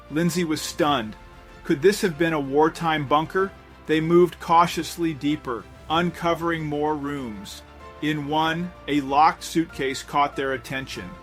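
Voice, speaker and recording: A man reading a scripted story as narrator, in a steady storytelling manner. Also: fairly high pitch. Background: faint background music.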